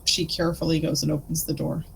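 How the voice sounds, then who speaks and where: Subdued woman player, low voice. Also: little pitch movement, fast talker, vocal fry, slight background noise, low-quality recording. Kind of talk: in-character tabletop play.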